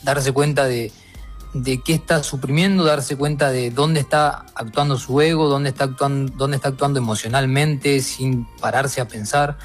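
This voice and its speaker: A husky-voiced man with an Argentine accent talks as a guest, soft music faintly behind him. He thinks out loud, restarting his phrases as he reasons his way through. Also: mid-range voice, steady tone, normal speed. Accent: Argentine Spanish. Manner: reflective, with restarts. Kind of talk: casual conversation.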